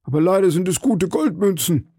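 A man voicing a fretful, grumbling innkeeper in an audiobook reading, his pitch raised well above his own. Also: expressive, moderate pace, warm tone, slightly rough, no echo, studio quality. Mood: pleading. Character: fretful male innkeeper, middle-aged, grumbling. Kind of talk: audiobook character voice.

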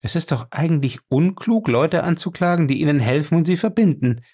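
A man voicing a calm, firm young woman in an audiobook who speaks with cool sarcasm. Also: on the high side, a little fast, pitched above the performer's own voice. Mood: cool ironic.

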